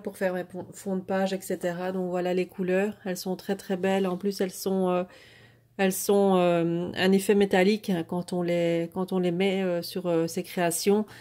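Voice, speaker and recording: A woman with a mellow, warm tone and a middle-range pitch, chatting her way through a craft haul. She talks in a hesitant, halting way, full of fillers and self-corrections, yet sounds genuinely keen on everything she shows. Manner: hesitant, many fillers and restarts; enthusiastic about the products. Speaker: craft vlogger showing a product haul. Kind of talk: casual product haul chat.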